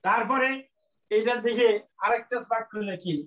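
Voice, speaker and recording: A man teaching an Arabic lesson, explaining slowly and repetitively with many fillers and English terms mixed in. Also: extremely high pitch, a bit bright. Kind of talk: classroom lecture. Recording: dull lo-fi sound.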